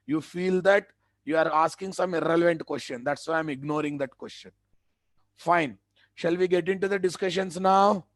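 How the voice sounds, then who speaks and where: Speaking at a normal speed in a slightly high voice, with no room sound, a male web development instructor lectures students live online. His Indian English carries a Telugu accent, and his style is emphatic, repetitive, and peppered with rhetorical check-in questions.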